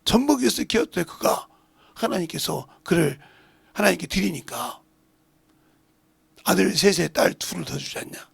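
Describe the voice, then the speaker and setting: A middle-aged Korean pastor with a Jeolla accent, preaching a sermon and breaking into loud acted-out lines. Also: male voice, sits high, animated, moderate pace, pauses often, dry recording. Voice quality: gravelly. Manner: preaching with sudden shouts and acted-out dialogue.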